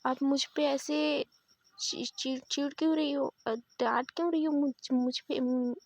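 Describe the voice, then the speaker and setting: A woman's voice: sits high, normal speed, darkish tone. A woman voicing a young male waiter who stammers and grumbles in a retold story. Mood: flustered.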